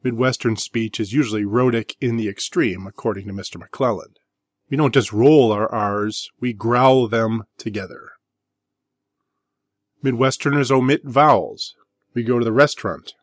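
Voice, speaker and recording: A man with an Inland North American accent giving a scripted book review, measured and slowing down to sound out example words. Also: mid-range voice, no room sound, clean studio sound.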